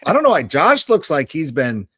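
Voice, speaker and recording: A middle-aged man chatting casually on a livestream, his pitch swinging widely as he tells stories and slips into voices when he quotes. The sound is dry and close, with no room echo. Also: normal speed, breathy edge. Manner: animated storyteller, jumps into voices when quoting. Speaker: livestream co-host. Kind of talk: casual chat.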